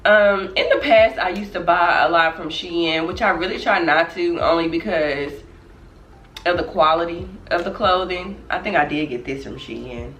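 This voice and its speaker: A young vlogger from Dallas, Texas, chats casually to camera, relaxed and laughing often, her low voice a bit nasal from a cold at normal speed. She's recorded from a distance and off-mic in an echoey room, with dull audio, slight background noise, and faint music.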